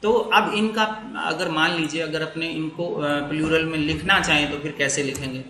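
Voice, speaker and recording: A man teaching an English grammar lesson who slowly dictates his example sentences word by word. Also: fairly high pitch, steady tone, pushed and bright, reverberant, a little hiss or hum.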